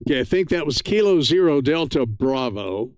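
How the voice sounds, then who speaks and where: A man's voice: fairly high pitch, big pitch swings, normal speed, no echo. An American man, middle-aged or older, hosting an amateur radio net in a chatty, folksy, casual way.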